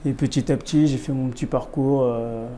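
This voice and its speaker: A man's voice: mid-range voice, fairly even intonation, brisk, warm tone, slight background noise. A young man in his twenties, a rugby player, talking casually as a radio guest and using lots of filler words. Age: 20s. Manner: casual, filler-heavy speech.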